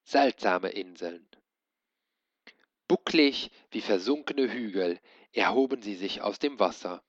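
A man teaching, reading a book aloud slowly and explaining for learners. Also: on the low side, animated, dry recording. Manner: slow, explaining. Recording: dull, dry lo-fi recording.

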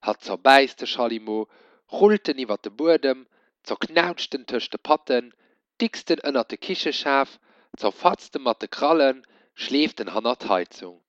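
A man reading a children's story aloud in an expressive storytelling manner. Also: medium pitch, unhurried, dry recording. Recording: dull dry lo-fi recording.

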